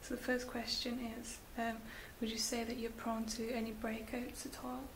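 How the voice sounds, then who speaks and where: A woman whispering gently as a spa beauty therapist in an ASMR roleplay, slow and soft with little fillers. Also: on the high side, little pitch movement. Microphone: close sensitive mic. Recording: hissy close mic.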